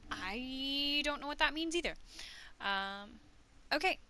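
A woman's voice: high-pitched, lively intonation, takes it slowly, bright, forceful tone. A woman hosting a casual let's play, thinking aloud as she commentates. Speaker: host of a gaming channel.

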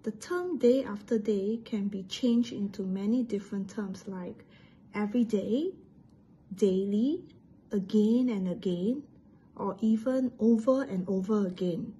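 A woman's voice: mid-range voice, unhurried, warm tone, a little hiss or hum, low-quality recording. A woman from Singapore with a Singaporean accent, patiently explaining English phrases and pronunciation step by step as a teacher.

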